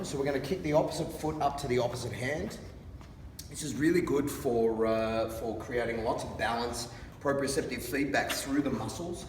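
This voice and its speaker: A man working as a fitness instructor, explaining exercises in a careful, unhurried and encouraging manner. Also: mid-range voice. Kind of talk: instructional exercise demonstration with coaching cues. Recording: distant mic, reverberant hall, background noise.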